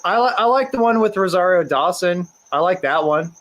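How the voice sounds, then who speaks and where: A man co-hosting a casual chat, relaxed, with brief reactions. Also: high voice, a little fast, a loud crowd. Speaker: podcast co-host.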